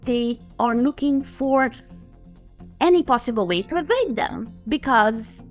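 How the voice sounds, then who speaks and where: Chatty woman, fairly high voice. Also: a little slow, faint music behind. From Bulgaria. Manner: animated and chatty, laughs often. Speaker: guest, sanctions compliance specialist. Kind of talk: interview answers.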